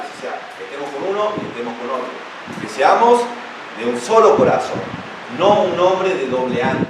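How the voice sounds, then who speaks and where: A man preaching a sermon as pastor, asking rhetorical questions and swinging from loud emphasis to near whispers. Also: mid-range voice, recorded from a distance, background noise. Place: church sanctuary. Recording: echoey church hall, picked up from afar.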